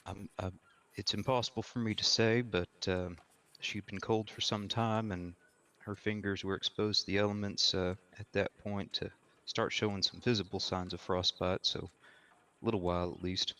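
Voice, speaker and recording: A man playing an armed frontier woodsman giving careful, formally worded, halting testimony in a courtroom role-play. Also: fairly low pitch, fairly even intonation, bright, forceful tone. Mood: measured, careful.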